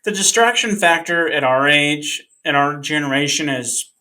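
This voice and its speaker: Bright-voiced easygoing podcast host. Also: male voice, a little high, expressive, moderate pace. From Oklahoma. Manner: easygoing, joking sign-off. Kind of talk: casual podcast chat.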